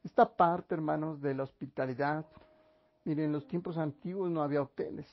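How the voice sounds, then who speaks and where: A pastor from Mexico preaching a sermon in a church, slow and emphatic, often calling listeners brothers. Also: male voice, fairly high pitch, steady tone, highs cut off.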